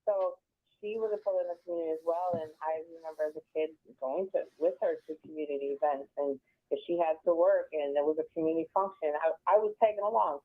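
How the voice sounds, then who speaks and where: A middle-aged woman from Buffalo, New York, speaking as a guest in a radio interview on a phone line, soft-spoken and reflective, with hesitant restarts. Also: deep voice, fast talker. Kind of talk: conversational interview. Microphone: phone call.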